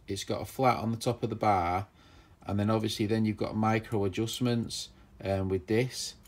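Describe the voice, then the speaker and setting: Showing off his old tools, a tool collector vlogger chats casually and eagerly, rambling with lots of fillers. His voice is fairly low and a little mellow, suited to this relaxed show-and-tell narration.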